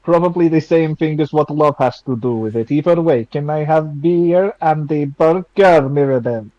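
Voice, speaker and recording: A man's voice: fairly high pitch, normal speed, no echo, muffled recording. A man playing a tabletop game, jokey and bantering in character. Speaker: player.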